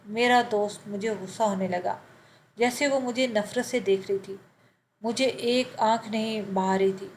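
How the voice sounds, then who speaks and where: A woman telling a scripted first-person moral story in a steady, even storytelling manner. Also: medium pitch, slight background noise, rough recording.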